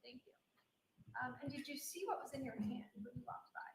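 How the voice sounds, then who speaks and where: A woman's voice: high voice, brisk, echoey room, slight background noise, low-quality recording. A woman attorney cross-examining a witness with pointed, leading questions, heard in a courtroom recording. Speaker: trial attorney.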